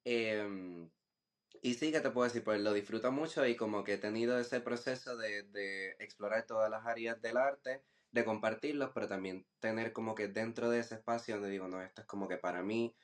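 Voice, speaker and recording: A man's voice: lowish voice, normal speed. A man in his twenties with a Puerto Rican Caribbean Spanish accent, chatting casually as a podcast guest and sprinkling in English words. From Puerto Rico. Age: 20s. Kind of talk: casual chat.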